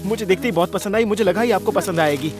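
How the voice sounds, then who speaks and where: A man acting an eager, fawning young cousin in a film drama. His voice is high and music plays clearly behind him. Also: quick pace, lightly acted. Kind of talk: dubbed film drama dialogue.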